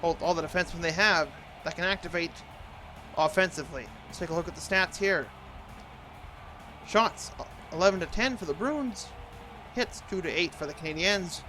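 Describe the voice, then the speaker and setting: A man's voice: high voice, moderate pace, pauses often, pushed and bright, faint music behind, low-quality recording. A man doing an impression of an earnest TV hockey play-by-play announcer, calling a video game in clipped present-tense phrases. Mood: analytical.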